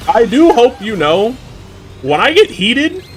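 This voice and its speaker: A man with a New York accent chatting casually while streaming a racing game, swearing, laughing and reacting loudly. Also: very high-pitched, very animated, slow, faint music behind. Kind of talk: casual chat while gaming.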